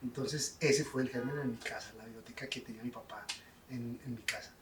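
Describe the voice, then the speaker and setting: A man's voice: medium pitch, steady tone, fairly quick, recorded from a distance, background noise. A middle-aged man, answering interview questions in a wry, self-deprecating way. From Colombia. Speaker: guest songwriter. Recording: roomy, off-mic sound.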